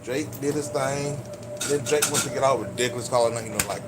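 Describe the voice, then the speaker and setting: A man of average pitch chats casually about fights as a sports vlogger. His delivery is slangy and emphatic, like someone giving an off-the-cuff reaction. Clear ambient noise sits behind his voice. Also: fast talker. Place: at his workplace.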